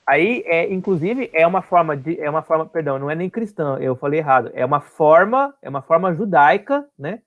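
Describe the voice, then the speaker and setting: Fairly high-voiced male teacher. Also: animated, a little fast, few pauses, phone-quality sound. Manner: explanatory, checks in with students often. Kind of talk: online class lecture.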